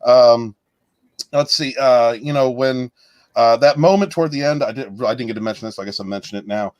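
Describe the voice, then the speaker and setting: A man's voice: mid-range voice, fairly quick, darkish tone, dry recording, lo-fi sound. An easygoing man rambling through his take on a podcast panel. His voice is close and dry, with no room sound around it. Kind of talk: casual chat.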